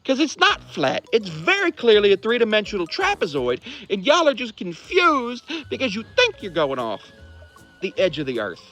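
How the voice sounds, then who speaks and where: A man's voice: high-pitched, huge pitch swings, moderate pace, sharp tone, faint music behind. A man delivering an emphatic monologue of absurd claims in an insistent way.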